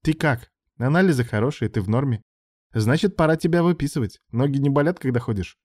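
A man's voice: medium pitch, lively intonation, a little fast, a little mellow, no echo, studio quality, pitched above the performer's own voice, natural voice. A man voicing a nervous, guilty young male doctor who talks in a strained, anxious way. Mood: brisk.

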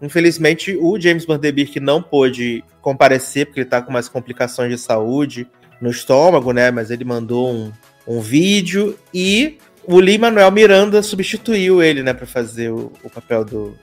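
Brazilian male podcast host, chatty and animated, light music bed. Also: medium pitch, normal speed, few pauses. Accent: Brazilian Portuguese. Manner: gossipy, animated, swears casually. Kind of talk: casual chat.

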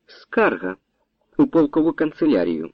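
A composed regimental clerk who lays out charges coolly and pointedly, as a male narrator reads him. His tone is level but sharp. The recording is dry and close with a slightly dull sound. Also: fairly high pitch, moderate pace, no echo, pitched above the performer's own voice. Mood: cold. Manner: calm, pointed.

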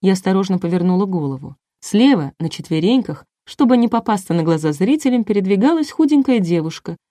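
A woman's voice: medium pitch, sing-song, fairly quick, warm tone, no echo, studio quality. A woman narrating a first-person audiobook in a wry, ironic storytelling manner.

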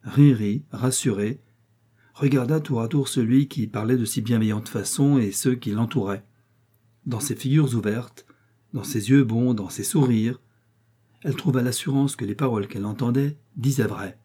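Give me a man narrating an audiobook, steady and unhurried, with a husky voice. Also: mid-range voice. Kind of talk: scripted narration.

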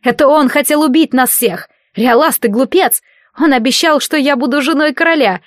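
A woman voicing a shrill, ambitious young woman who shrieks and pleads in a storybook reading. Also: moderate pace, dry recording, studio quality, natural voice. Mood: shrill panic.

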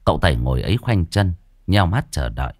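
A man narrating a ghost story in an expressive, dramatic reading. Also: low voice, fairly quick, no room sound, clean studio sound.

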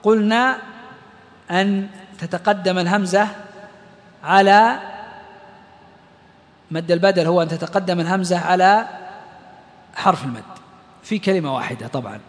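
High-voiced man teaching in a hall. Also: moderate pace, pauses often. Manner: explains step by step, quizzes students. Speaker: Quran recitation teacher. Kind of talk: classroom lesson on tajweed.

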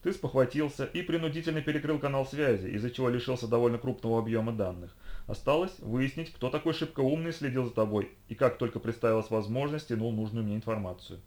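A man voicing a cold, sharp young woman who interrogates a captive with icy, commanding reasoning. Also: medium pitch, fast talker, lightly acted. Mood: probing.

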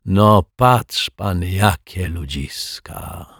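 A man voicing a coarse, overly friendly male crook with a raspy chuckle and slangy talk, in a storybook. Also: on the low side, animated, slow pace, no room sound, studio quality, pitched above the performer's own voice, full character voice. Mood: jovial. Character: coarse cheerful male small-time crook.

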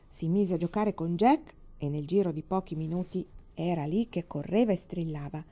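A woman reading a children's storybook aloud in a calm, measured way. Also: lowish voice. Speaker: reader. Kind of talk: storybook narration. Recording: dull lo-fi recording.

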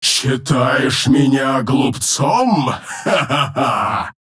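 A man voicing an arrogant, cruel male demon lord in an audiobook, his rough, rumbling voice thickened with a layered demonic effect. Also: lively intonation, fairly bright tone, full character voice. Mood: mocking menace. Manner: slow, menacing, commanding. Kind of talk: audiobook narration with voiced characters.

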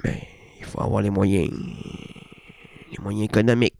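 A man's voice: lowish voice, flat delivery, moderate pace, vocal fry, a little mellow, a little hiss or hum. A man with a Québécois accent, a radio host, delivering a surreal comic monologue in a playful, rambling way full of wordplay and restarts. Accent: Québécois French. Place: radio studio.

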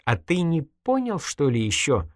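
A reader voicing a sharp-tongued, stubborn young woman in an audiobook, reproachful and needling, with a dry close sound. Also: rumbling low, sing-song, moderate pace, no room sound, voice pushed up, heavily acted. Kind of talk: audiobook character voice.

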